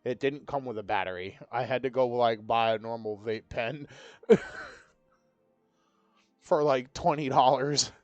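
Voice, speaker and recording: A man's voice: medium pitch, unhurried, long pauses, no echo, dull audio, soft background music. A young man streaming a game live, chatting casually in a laid-back, rambling way full of swearing. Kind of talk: casual live-stream chat while gaming.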